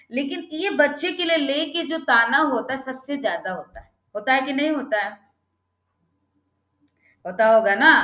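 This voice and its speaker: A woman's voice: a little high, fairly bright tone. A woman leading an online prayer meeting, talking in a chatty way and often asking her listeners to agree. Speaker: prayer leader. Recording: roomy echo.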